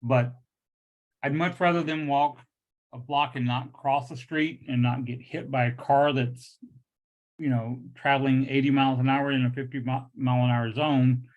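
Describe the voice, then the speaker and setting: A muffled, lo-fi recording carries a man in his late fifties addressing a meeting. His pitch is ordinary and his delivery emphatic and unscripted. He shapes words a little awkwardly, as though adjusting to new implants. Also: fairly even intonation, normal speed. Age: late 50s. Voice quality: slightly awkward articulation from new full-mouth dental implants. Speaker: liquor store owner addressing a public meeting. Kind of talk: earnest unscripted remarks at a public meeting. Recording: dull, muffled lo-fi meeting audio.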